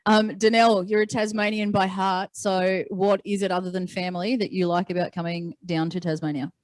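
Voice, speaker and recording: A woman's voice: mid-range voice, little pitch movement, brisk, no echo. A woman with an Australian accent moderating a live conference panel, chatty and playful, teasing the panelists. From Queensland. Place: conference venue.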